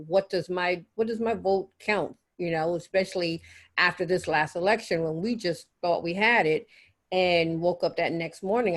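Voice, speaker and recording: A woman replying on a video call in an affirming, chatty way with frequent fillers. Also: fairly low pitch.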